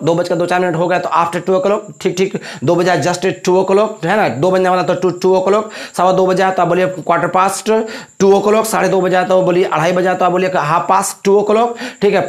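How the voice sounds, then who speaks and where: A man with a high-pitched voice teaches a spoken English lesson, explaining in Hindi. He goes over each point several times and keeps checking that his students follow. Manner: repetitive, explaining with frequent check-ins.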